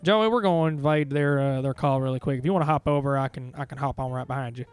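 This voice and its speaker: A man with a mid-range voice and quick pace casts a live esports match with play-by-play commentary, then interviews the winning team. He stays upbeat and uses casual fillers.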